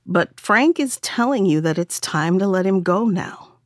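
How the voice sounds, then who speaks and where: A woman voicing a smooth, confiding middle-aged male television psychic medium, in a dry recording. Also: lowish voice, lively intonation, a little slow, no echo. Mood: soothing.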